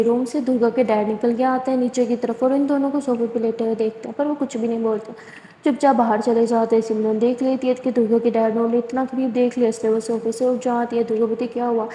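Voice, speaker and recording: एक महिला भावपूर्ण, बातचीत वाले अंदाज़ में प्रेम कहानी सुनाती है।. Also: female voice, fairly high pitch. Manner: expressive, conversational. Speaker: storyteller. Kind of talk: spoken love-story narration. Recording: echoey room reverb.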